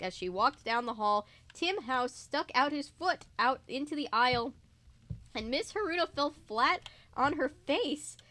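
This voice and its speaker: A woman's voice: fairly high pitch, pushed and bright. A young woman reading a book aloud at home into a microphone, swearing and exclaiming in disbelief between passages. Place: indoors, at home.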